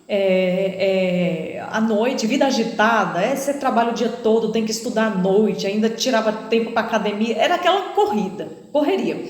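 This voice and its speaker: A Brazilian woman preacher giving an emotional spoken testimony, retelling it in an animated way with many fillers. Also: medium pitch. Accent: Brazilian Portuguese. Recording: echoey room with long reverb.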